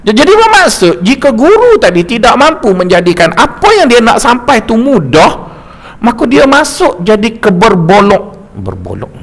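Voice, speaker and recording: A man's voice: very high voice, moderate pace. A middle-aged man with a Malaysian Malay accent giving a mosque lecture, joking and telling stories with stammered restarts. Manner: lively, jokey storytelling with stammered restarts. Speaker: religious teacher.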